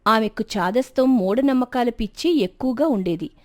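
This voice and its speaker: A woman narrating a moral story for a cartoon, expressive storytelling. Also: on the high side, moderate pace, no echo, clean studio sound.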